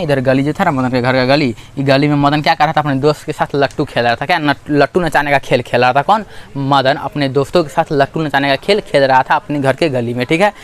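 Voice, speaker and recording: A man's voice: a little high, slight background noise. A man explaining a school literature chapter as a teacher, asking and answering his own questions over and over.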